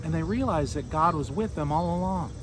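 An American Lutheran pastor in his forties preaches outdoors beside a fallen tree near a street, his high voice earnest and conversational, with pauses and rhetorical questions. Insects and passing vehicles create noticeable ambient noise in the recording.

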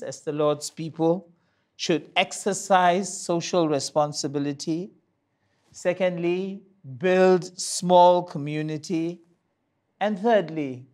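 An older bishop, preaching a sermon at a lectern in a slow, deliberate way, with pauses and fillers. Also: male voice, fairly high pitch, darkish tone, clean tone. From Singapore. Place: studio stage with curtains, standing at a lectern.

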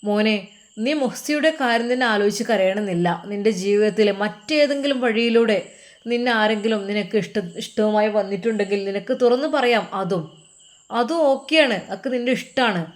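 A woman's voice: medium pitch, brisk, natural voice. A woman voicing a coaxing older foster mother. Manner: pleading, insistent questioning.

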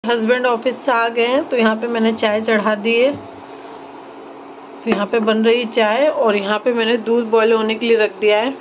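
A woman's voice: on the high side, fairly even intonation, moderate pace, background noise. Chatty woman vlogging her household chores. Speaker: vlogger and mother. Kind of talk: casual home vlog narration. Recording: slightly dull lo-fi phone audio.

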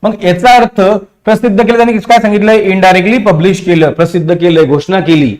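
A man's voice: high voice, fairly even intonation, quick pace, a little mellow. A male teacher with a Marathi accent giving an exam-prep vocabulary lecture, repeating meanings and quizzing his class. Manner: repetitive, drilling meanings and asking the class.

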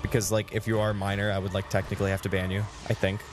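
A man's voice: lowish voice, level tone, very fast. A man of about twenty-one, chatting casually with his stream chat while playing a game. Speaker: Twitch streamer. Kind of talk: casual gaming livestream commentary. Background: game music.

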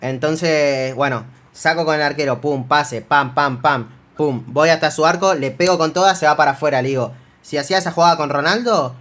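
A man's voice: a little high, normal speed, hardly any pauses, a bit bright. A man with a Rioplatense Spanish accent telling a long, rambling story in casual chat, repeating himself and acting out dialogue and play-by-play. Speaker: streamer telling an anecdote.

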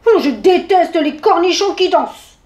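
A big, stubborn bear from a children's storybook, voiced by a woman reader, grumbling and nearly shouting. The voice rides high and loud rather than deep, full of cranky complaint. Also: lively intonation, moderate pace, roomy sound. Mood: grumpy, loud. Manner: grumbling, raises voice to near shouting.

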